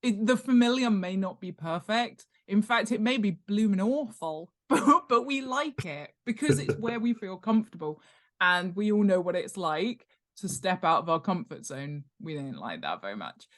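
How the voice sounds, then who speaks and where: A middle-aged woman with a medium-pitched voice speaks at a moderate pace as a guest author and world-building expert. In an informal interview she explains things animatedly and with emphasis, checking in with the listener through "right?" and "okay?".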